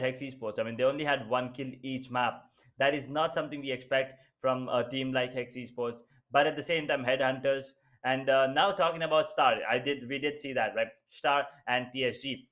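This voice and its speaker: A man's voice: mid-range voice, fairly even intonation, normal speed, a bit bright. A young man, giving chatty live analysis as co-caster of an esports match. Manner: chatty analysis, asks rhetorical questions.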